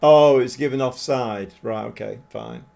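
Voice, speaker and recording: A man with a mid-range voice and vocal fry streams a football management game live. His chat with viewers is casual, self-deprecating, and prone to sudden bursts of excitement.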